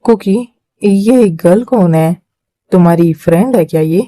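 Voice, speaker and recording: A woman's voice: on the low side, measured pace, dark tone, no room sound, close to an everyday voice, low-quality recording. A woman voicing a stern, protective older brother in a fan-made dubbed drama. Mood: teasing. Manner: scolding, protective.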